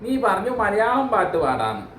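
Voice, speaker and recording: A man's voice: high-pitched, big pitch swings, moderate pace, a bit bright, reverberant, slight background noise, poor audio. A man hosting a reaction video, joking and teasing in mock outrage. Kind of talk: casual comic commentary.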